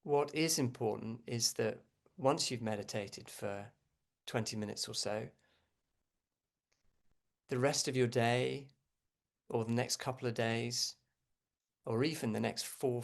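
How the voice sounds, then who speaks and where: A male teacher leads a guided meditation in a mid-range, creaky voice, speaking gently and unhurriedly with frequent pauses.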